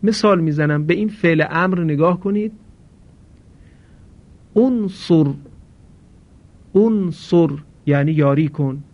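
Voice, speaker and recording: Slow, questioning male grammar teacher. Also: on the high side. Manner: slow, deliberate, asks students and answers himself. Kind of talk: recorded lesson. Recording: dull lo-fi recording.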